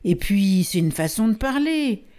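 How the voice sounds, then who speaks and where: A woman's voice: medium pitch, expressive, a little slow, dark tone, lightly acted. A woman voicing a cheeky, freedom-loving boy in a storybook, defiant and offhand.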